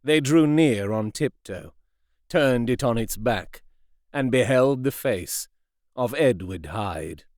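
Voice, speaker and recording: Slow, expressive male audiobook narrator. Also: mid-range voice, no room sound, clean studio sound. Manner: measured and expressive. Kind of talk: scripted narration.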